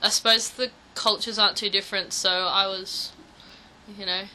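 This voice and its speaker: A woman's voice: medium pitch, steady tone, normal speed, sharp tone, poor audio. A young woman from Australia, an international student, chatting casually in an interview.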